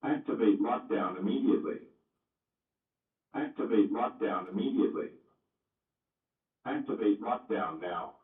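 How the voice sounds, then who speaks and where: Low, husky man giving repeated commands over a tinny school loudspeaker. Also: expressive, a little slow, pauses often. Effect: school loudspeaker announcement. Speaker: school announcer. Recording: tinny loudspeaker heard from far off.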